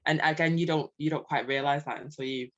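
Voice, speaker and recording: A woman's voice: low voice, fairly even intonation, fast, muffled recording. A middle-aged woman talking openly as a coaching client, hesitant and full of ums, with small self-conscious laughs. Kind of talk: candid conversational talk.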